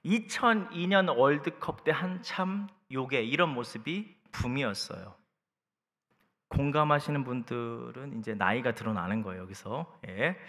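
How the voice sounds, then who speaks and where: A man's voice: medium pitch, a little slow. A man in his thirties preaching a youth service sermon, telling stories with humor and speaking directly to the congregation. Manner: lively storytelling with humor, addresses the congregation. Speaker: pastor. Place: church sanctuary. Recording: long church hall reverb.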